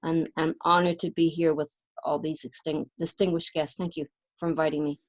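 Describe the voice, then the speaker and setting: A woman's voice: sits low, little pitch movement, brisk, no echo. A woman greeting everyone politely and formally on a video call.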